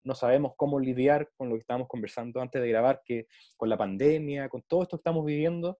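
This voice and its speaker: A man's voice: mid-range voice, quick pace, mellow, dry recording. A man in reflective casual conversation, speaking earnestly and at length, often doubling small linking words as he builds his thought.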